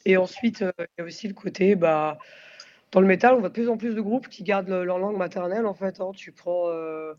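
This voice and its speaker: A woman, a band's singer, answering interview questions thoughtfully and pausing often with fillers to find her words. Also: on the low side, a little mellow, lo-fi sound. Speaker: singer of a post-metal band.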